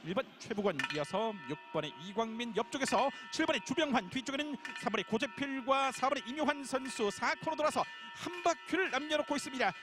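High-pitched male race commentator over music. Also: fast, hardly any pauses. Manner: urgent delivery building to finishes. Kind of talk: live race commentary, motorsport-commentator manner.

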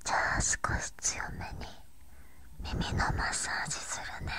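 A young woman doing gentle, reassuring ASMR in a breathy whisper, very close to a binaural microphone. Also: moderate pace. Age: young adult. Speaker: ASMR host. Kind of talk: whispered ASMR, soothing personal address. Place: small bedroom, lying on a bed. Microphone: binaural ear microphone, held right at the mouth.

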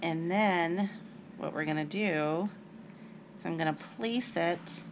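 A woman's voice: lowish voice, slow pace, background noise. Chatty woman hosting a nail tutorial. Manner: chatty, rambling asides. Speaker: nail art tutorial host. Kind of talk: casual step-by-step tutorial.

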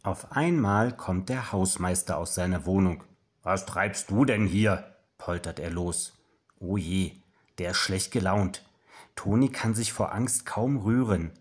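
A man reading a children's storybook aloud with slow, expressive storytelling. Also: on the low side, slightly rough. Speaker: storybook reader.

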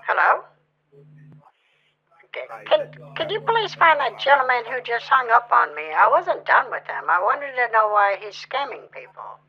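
A woman's voice: fairly high pitch, sing-song, moderate pace, slight background noise. A woman scambaiter on a prank phone call, persistently asking pointed questions.

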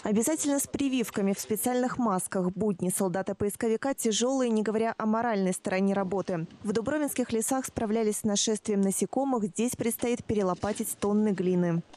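A woman's voice: mid-range voice, brisk, few pauses, dark tone, a little hiss or hum. A woman reading scripted narration as a television news reporter.

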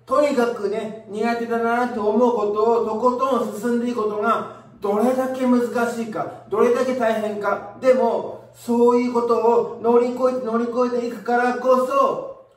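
High-voiced, emphatic man in an echoey room. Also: moderate pace. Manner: energetic, emphatic, repeats phrases. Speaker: motivational video host. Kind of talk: motivational talk. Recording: echoey room, distant from the mic.

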